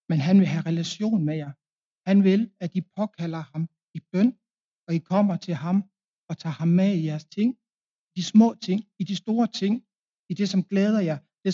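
A man's voice: sits high, warm tone, lo-fi sound. A man preaching a confirmation sermon in a Danish accent, telling a plain story with fillers and restarts.

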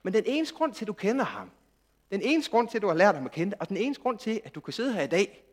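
Animated male preacher. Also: sits high. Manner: animated, swings from quiet intimacy to loud shouting. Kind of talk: sermon.

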